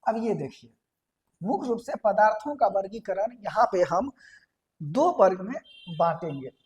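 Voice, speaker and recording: A woman's voice: medium pitch, animated, measured pace, a little mellow, highs cut off. A woman teaching a science lesson, explaining step by step, putting questions to the class and answering them herself, and repeating key terms. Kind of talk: classroom lecture.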